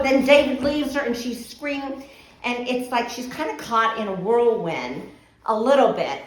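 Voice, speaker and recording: Animated woman storyteller in an echoey room. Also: medium pitch. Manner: animated, laughs while telling, shrieks to act out others. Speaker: friend telling stories at a birthday tribute. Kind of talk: casual storytelling.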